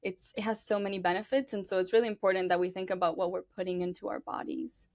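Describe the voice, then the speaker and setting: A woman's voice: mid-range voice, flat delivery, fast talker, a little mellow, dry recording. A young woman from Cuba with a Miami accent, chatting as an interview guest in an upbeat way with lots of fillers. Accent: Miami English. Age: young adult. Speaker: pageant contestant guest. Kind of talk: casual interview chat.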